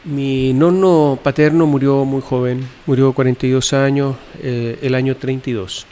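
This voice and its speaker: A man being interviewed, recounting his family's history in a measured, reflective way with frequent pauses and fillers. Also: mid-range voice, steady tone, dark tone. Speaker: guest.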